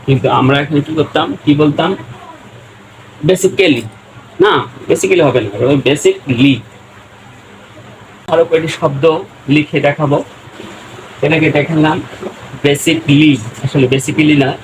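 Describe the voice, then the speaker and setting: A man teaching a spoken-English lesson, slowly breaking words into syllables and repeating them as he writes. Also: on the high side, fairly even intonation, background noise. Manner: slow, repeats words syllable by syllable while writing.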